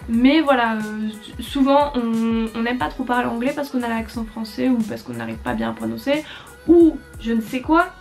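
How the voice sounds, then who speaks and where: Young female YouTuber, twenties, high-pitched, casual and hesitant delivery, faint music bed. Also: normal speed, gravelly, darkish tone. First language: French. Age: 20s. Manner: chatty, many fillers and hesitations. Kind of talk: casual talk to camera giving language tips. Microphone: compact camera.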